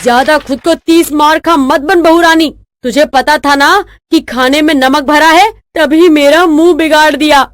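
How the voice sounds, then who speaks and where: Woman as bossy cartoon mother-in-law, high voice, nags and scolds, close dry mic. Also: expressive, a little slow, no echo. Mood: scolding. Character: scheming middle-aged mother-in-law, sharp-tongued. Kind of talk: animated storybook voice acting.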